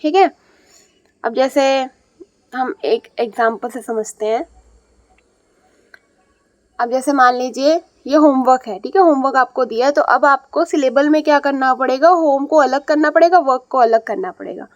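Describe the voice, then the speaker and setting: A woman's voice: high voice, normal speed, long pauses, no echo, muffled recording. A woman teaching young students English reading, explaining patiently and checking in often. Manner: patient, repeats and checks with "ठीक है".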